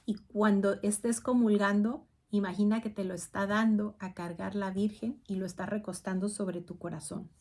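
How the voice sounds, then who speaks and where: A woman's voice: medium pitch, fairly even intonation, moderate pace, few pauses, warm tone. Woman reading devotional doctrine aloud. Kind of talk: religious talk show.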